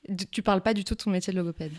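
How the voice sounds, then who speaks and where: A woman's voice: mid-range voice, very fast. Enthusiastic woman podcast host. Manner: enthusiastic, lively intro. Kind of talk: podcast interview.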